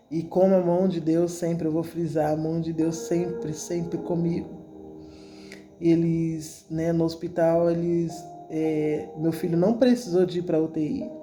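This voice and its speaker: A woman with a Brazilian accent gives an emotional religious testimony, piling up repeated words as she speaks to the congregation. Her voice is mellow and warm. Soft music plays faintly behind her. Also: low voice. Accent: Brazilian Portuguese. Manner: emotional, repetitive storytelling addressed to the congregation. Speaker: church member giving a testimony.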